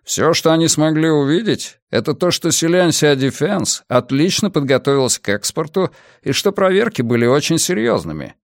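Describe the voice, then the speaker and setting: A composed police commissioner explains things patiently and steadily, his voice only lightly raised above the narration and moving with lively intonation, as a male narrator puts him on. The sound is dry and close to the mic. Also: on the high side, moderate pace, hardly any pauses, no room sound, pitched above the performer's own voice. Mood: calm. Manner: calm and explaining. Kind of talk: audiobook character voice.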